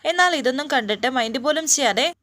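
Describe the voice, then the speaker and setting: A woman's voice: high-pitched, lively intonation, quick pace, fairly bright tone. A woman casually retelling a serial story as a storyteller, with small restarts and fillers.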